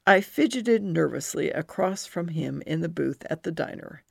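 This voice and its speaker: A middle-aged woman from New Jersey reads her own memoir aloud, slow and expressive, her voice jumping high at remembered feelings. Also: vocal fry, breathy edge, no echo, clean studio sound. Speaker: memoir narrator. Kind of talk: first-person memoir reading.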